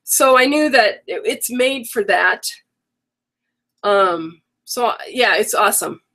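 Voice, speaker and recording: Her voice a little high, animated, pushed and bright, a middle-aged woman talks slowly as she hosts an online craft workshop. The live-stream chat is casual, and she rambles, chats, and corrects herself, sounding worn from an oncoming cold.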